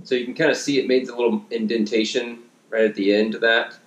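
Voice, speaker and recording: A man in his thirties giving a relaxed how-to demonstration in his home gym, with lots of fillers as he works with his hands, recorded by a camera a few feet away. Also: mid-range voice, quick pace, muffled recording. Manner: relaxed instructional, many fillers and restarts; working with his hands while talking. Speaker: fitness coach. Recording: echoey room.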